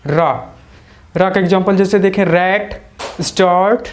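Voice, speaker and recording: A man with an Indian accent teaches English letter sounds in a fairly high voice. He sounds out each letter, then repeats every example word slowly and deliberately. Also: steady tone, slight background noise. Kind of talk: spoken English phonics lesson.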